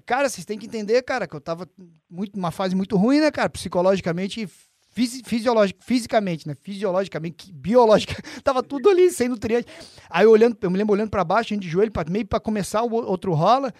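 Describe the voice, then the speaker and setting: A man with a Brazilian accent, telling a story in a casual podcast chat, animated and slangy, swearing freely and acting out the voices of the people he quotes. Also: sits high, quick pace, no room sound, studio quality.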